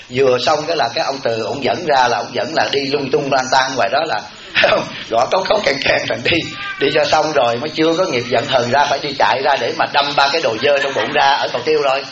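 A man's voice: mid-range voice, fast, crowd noise. A man, a Buddhist monk, giving a humorous dharma talk, folksy and teasing, repeating words for comic effect. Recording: echoey, dull room recording with audience. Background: audience laughter.

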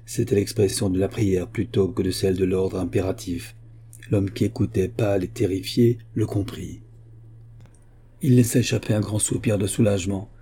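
A man reading a novel aloud as a steady audiobook narrator. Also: lowish voice, breathy edge. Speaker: audiobook reader. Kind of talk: scripted narration.

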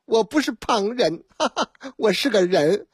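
A woman voicing a smooth-talking phone con man who fakes a Shanghai accent and poses as a policeman. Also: mid-range voice, expressive, slow, a little mellow, no echo, clean studio sound, full character voice. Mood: wheedling. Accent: put-on Shanghai.

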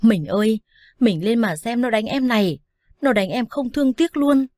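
A woman's voice: mid-range voice, lively intonation, a little fast, darkish tone, no room sound, lightly acted. Bitter old mother-in-law as a woman reads her, nagging and whiny, dry close sound. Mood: wailing. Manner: scolding, whining. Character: angry, shrill older mother-in-law, loud and quarrelsome.

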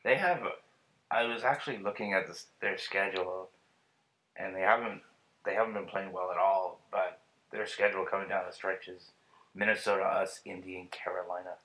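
A man co-hosting a casual soccer podcast, talking over recent games in a relaxed way with fillers. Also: deep voice, normal speed, low-quality recording. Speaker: podcast co-host. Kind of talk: casual sports chat.

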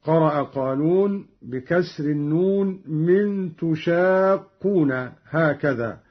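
Slow, measured man on old radio. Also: a little high, slightly rough. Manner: measured, quotes verses in slow chanted demonstration. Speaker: Quran recitation teacher. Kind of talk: formal explanation of recitation variants. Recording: dull lo-fi old radio broadcast.

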